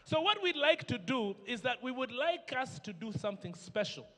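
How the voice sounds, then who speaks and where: A man's voice: very high voice, big pitch swings, moderate pace, fairly bright tone. A man from northern Uganda emceeing a live gala dinner, bantering playfully and switching between French and English. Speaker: event emcee. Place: large indoor banquet hall. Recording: echoey banquet hall.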